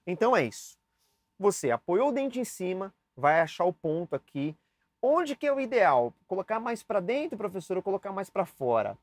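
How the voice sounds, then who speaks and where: A young man with a high, sing-song voice and a moderate pace gives a casual saxophone basics lesson, chatting, demonstrating, and speaking straight to the viewer. There's no echo, and the sound is picked up by camera mics while switching between cameras.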